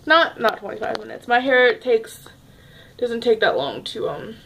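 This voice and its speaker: Young woman vlogger, high pitch, rambling casual chat at a table at home. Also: big pitch swings, unhurried, creaky, fairly bright tone, a little hiss or hum. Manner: rambling, chatty, restarts often.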